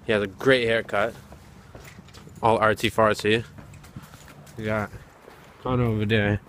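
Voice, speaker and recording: A man's voice: fairly low pitch, level tone, measured pace, fairly bright tone. A young man chats casually and slangily as a vlogger, filming himself at arm's length. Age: young adult. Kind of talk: casual vlog chat with slang. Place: handheld camera in a car and outdoors. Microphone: camera at arm's length. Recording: music and car noise behind.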